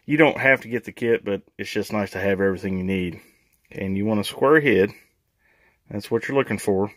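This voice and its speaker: This renovator hosts a laid-back home improvement channel, narrating briskly in a lowish, somewhat bright voice while showing his tools and projects. He's chatty and informal, chuckling at his own jokes as he moves around the mobile home and indoor workbench.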